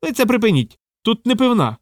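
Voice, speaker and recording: A man's voice: extremely high pitch, very animated, brisk, dry recording, voice pushed up. A man doing a sluggish, fussy bureaucrat. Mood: indignant. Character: sluggish pompous male building manager.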